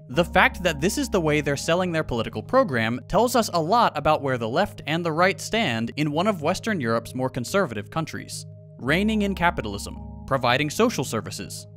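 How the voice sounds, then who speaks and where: A man's voice: a little high, very animated, normal speed, fairly bright tone, faint music behind. A man from the United States narrating a scripted video essay with sarcastic, wry asides.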